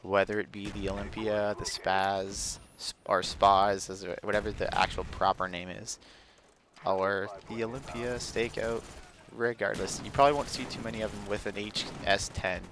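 A man's voice: lowish voice, fairly bright tone, a little hiss or hum. A young man giving casual, rambling commentary over his own gameplay footage, full of fillers. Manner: laid-back, rambling, frequent fillers.

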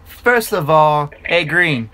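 A man chatting casually while gaming, excitable and swearing freely in banter with friends. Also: on the high side, slow pace, a little hiss or hum. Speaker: gamer.

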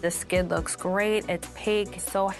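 A woman's voice: lowish voice, steady tone, takes it slowly. A young woman speaking earnestly and emotionally in a reality TV confessional. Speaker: patient. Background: background music.

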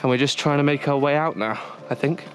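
Young male travel vlogger, relaxed and upbeat, handheld outdoor recording with background music. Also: fairly high pitch, fairly quick. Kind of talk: casual travel vlog. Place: outdoors in a park and jungle trail. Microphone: camera held at arm's length.

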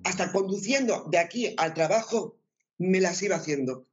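A woman with an accent from Spain, telling her story as an interview guest in a lively way and repeating words for emphasis. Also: on the low side, moderate pace, dull audio, a little hiss or hum. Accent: Spain Spanish. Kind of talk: personal testimony in conversation.

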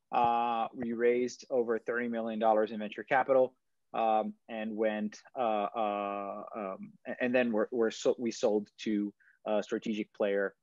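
On a video call from his home, backed by a stone wall, a man from Brazil in his thirties who founded a startup delivers a presentation full of fillers, restarts, and hesitation. His pitch is medium, and the dull lo-fi webcam recording carries no room sound.

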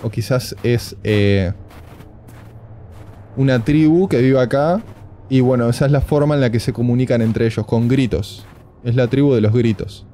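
A man's voice: medium pitch, moderate pace, dark tone, slight background noise. A man doing horror game commentary for a gaming video, joking and nervous as he talks through the game.

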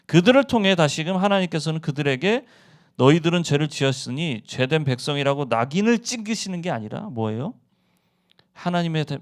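Male pastor, sermon, slightly high voice, rhetorical questions to the congregation. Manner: asks the congregation rhetorical questions, then answers them himself.

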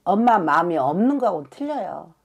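A woman's voice: fairly low pitch, big pitch swings, a little fast, vocal fry, breathy edge, dull audio. A woman from South Jeolla working as a fortune teller, giving a blunt, emphatic reading with some swearing and repeated "right?" checks. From Suncheon, South Jeolla, Korea. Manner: blunt and emphatic, swears, keeps pressing for agreement. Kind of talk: fortune-telling consultation.

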